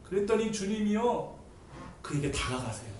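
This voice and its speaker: A man pastor preaching a sermon in a church, telling the story with animated delivery and sudden shouts. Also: sits high, moderate pace, slight background noise. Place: church sanctuary. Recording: echoey church hall, distant mic.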